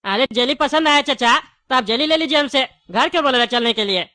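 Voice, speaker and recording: A woman's voice: sits high, animated, sharp tone, no echo, studio quality. A woman voicing a chatty, wary male candy shopkeeper in a cartoon. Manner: chatty, wary, quick to take offence. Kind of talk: cartoon voice acting.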